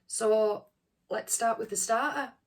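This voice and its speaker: A woman's voice: on the high side, steady tone, takes it slowly. A British woman chatting casually to her viewers as a cooking vlogger, hesitant and rambling, with a sore throat and a short-of-breath, strained voice. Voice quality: strained, under-the-weather voice. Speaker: cooking channel host.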